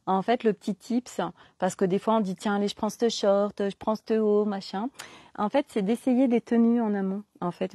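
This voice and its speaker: A woman chats casually on a live stream, stumbling through fillers and restarts in loose, slangy speech. Her voice is mellow and soft-edged, in a middle pitch for a woman. The sound is dry and close. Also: no echo. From southern France. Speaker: holistic coach.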